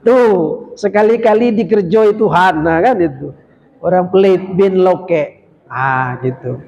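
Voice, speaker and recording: Male preacher, storytelling, slow and high. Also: creaky, a little mellow, highs cut off. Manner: storytelling, addresses the audience directly. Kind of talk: short Ramadan sermon. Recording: long hall reverb.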